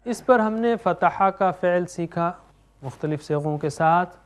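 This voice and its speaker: In a lively Quranic Arabic class, a man with a high-pitched voice keeps his students going. He recites verb conjugations in a steady, chanting rhythm.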